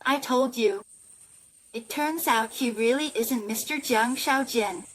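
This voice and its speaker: A woman's voice: a little high, slow, fairly bright tone, low-quality recording. A spoiled, haughty young woman. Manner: haughty, commanding. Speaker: arrogant young woman, a boss's daughter. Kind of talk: dubbed drama acting.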